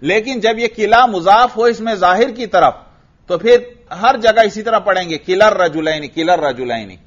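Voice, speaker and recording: Pakistani urdu accent guy teaching grammar class, keeps asking then answering his own questions, kinda high voice, muffled lo-fi sound. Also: lively intonation. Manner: drills students with questions and answers; recites Arabic examples slowly. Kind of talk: classroom lecture. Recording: dull lo-fi recording.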